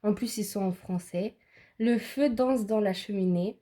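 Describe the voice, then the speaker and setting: Casting: hesitant woman co-presenter, mellow and a bit breathy, describing cards. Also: mid-range voice, measured pace. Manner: hesitant, describes items with many fillers. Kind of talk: casual show-and-tell.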